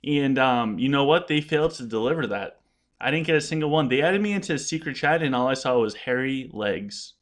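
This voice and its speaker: Man, medium pitch, casual gaming vlogger, unscripted, earnest, halting delivery with repeated words. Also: animated. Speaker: gaming content creator addressing viewers. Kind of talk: casual unscripted vlog talk.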